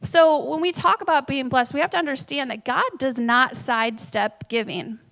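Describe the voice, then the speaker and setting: Woman pastor in her thirties with a slightly high voice, preaching chattily to her church and quizzing the crowd. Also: normal speed, gravelly, a bit bright. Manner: conversational, tells family stories, asks the audience questions. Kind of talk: sermon. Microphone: handheld microphone.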